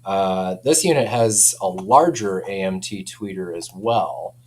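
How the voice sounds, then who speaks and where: This deep-voiced man talks a little slowly, with slight background noise in the recording. Representing an audio company as an interview guest, he keeps the product chat casual and tends to frame things as his own view.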